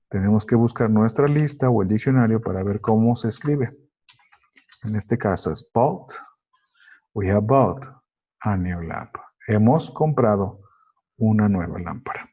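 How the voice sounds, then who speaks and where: A man whose first language is Spanish leads a grammar lesson, walking through each sentence slowly and methodically. His voice is low, mellow and a little husky. The recording sounds dull and lo-fi. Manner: slow, methodical, explains step by step. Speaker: English teacher.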